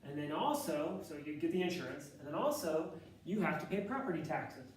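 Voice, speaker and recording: In a very echoey classroom with light background noise, a distant math instructor talks loudly in a somewhat high voice. He keeps things relaxed and chatty, working through ideas aloud. Ums fill his pauses, and he corrects himself midway through sentences.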